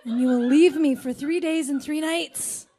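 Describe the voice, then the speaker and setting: A woman voicing a stern old crone who gives cryptic, commanding orders in a loud voice. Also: sits high, moderate pace, lightly acted.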